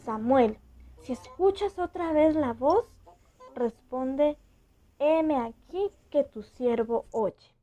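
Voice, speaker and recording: A woman voicing a gentle old priest who answers patiently. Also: high-pitched, expressive, takes it slowly.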